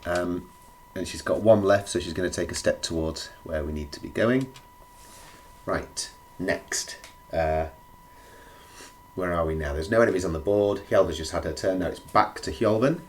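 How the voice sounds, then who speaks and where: A man with a croaky, under-the-weather voice thinks aloud in casual play-by-play as he plays a board game alone. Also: sits low, normal speed, pauses often. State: feeling rough, under the weather. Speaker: solo board game player presenting a run-through. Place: indoors at a gaming table. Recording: clear background noise, clicks.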